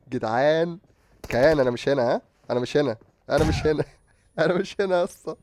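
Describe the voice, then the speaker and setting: A young man with an Egyptian accent giving excitable, exclaiming commentary on his own game, laughing often. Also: fairly high pitch, moderate pace, dry recording, clean studio sound. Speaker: gaming streamer. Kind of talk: live gameplay commentary.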